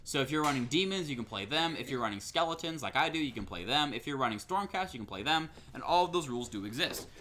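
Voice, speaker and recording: A man walks through hobby boxes in a loose, animated way, with his pitch rising and falling widely. He often breaks into laughter and quick asides. A faint noise sits under the recording. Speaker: co-host. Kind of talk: casual product rundown.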